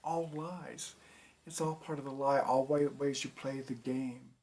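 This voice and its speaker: Older American man, documentary interviewee, plainspoken storyteller, soft trailing endings. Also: medium pitch, fairly even intonation, a little slow. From United States. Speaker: teacher.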